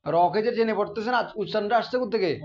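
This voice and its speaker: Guy teaching a class, talks fast and high, keeps quizzing students, muffled lo-fi sound. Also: crowd noise. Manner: asks the class questions and repeats key terms. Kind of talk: classroom grammar lesson.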